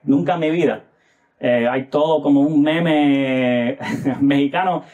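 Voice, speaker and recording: A man's voice: a little high, takes it slowly, a little mellow, lo-fi sound. A man from the United States giving casual political commentary as a guest, hesitant, with many filler sounds and rhetorical tag questions.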